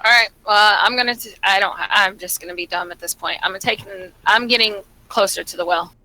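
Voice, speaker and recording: A woman's voice: mid-range voice, brisk, pushed and bright, low-quality recording. A woman chatting casually as a player in a tabletop game, describing what her character does.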